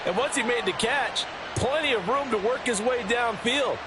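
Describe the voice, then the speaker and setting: A man's voice: very high voice, normal speed, background noise. A man giving conversational, explanatory football color commentary as a broadcast analyst.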